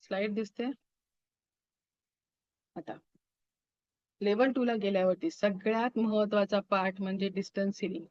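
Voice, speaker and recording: A woman's voice: medium pitch, steady tone, darkish tone, dry recording. Reiki teacher lady on a video call, keeps asking the class questions, muffled dry audio. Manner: asks the class quick check-in questions; mixes English phrases into her talk. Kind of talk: online class lecture.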